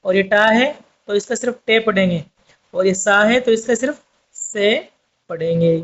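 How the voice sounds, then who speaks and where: A man with a high voice teaches a language class, going patiently over each point and repeating it until it sticks. The sound is dull and lo-fi, like a budget home recording. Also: normal speed, a bit bright. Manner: patient, repetitive explaining, addresses viewers as friends. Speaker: Urdu teacher. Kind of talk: online language lesson.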